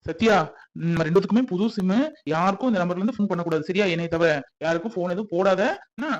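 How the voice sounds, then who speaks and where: A young adult man with a high voice speaks quickly in a lightly acted role as a protective young man, soothing his partner and repeatedly checking that she agrees with "okay?". His mood is reassuring yet firm, his manner soothing but insistent. The audio is dull and lo-fi.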